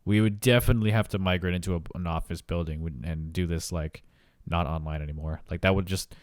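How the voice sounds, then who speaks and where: A man's voice: low-pitched, fairly even intonation, fast, no echo, studio quality. A man co-hosting a podcast, chatting casually and rambling, with repeated words and casual swearing. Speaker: podcast co-host. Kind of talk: casual chat.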